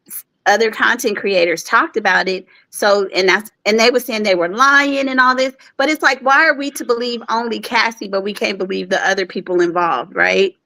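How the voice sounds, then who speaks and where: A woman with a mid-pitched voice talks in a casual commentary chat. She reacts in short words, then speaks her mind plainly and bluntly. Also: bright, forceful tone, low-quality recording. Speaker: co-host.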